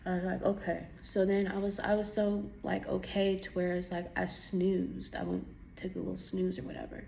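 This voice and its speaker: Gravelly, teary young woman telling her story. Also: lowish voice, normal speed, slight background noise. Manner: animated, acts out her own dialogue. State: teary from crying. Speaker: vlogger giving a testimony. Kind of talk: casual personal storytelling.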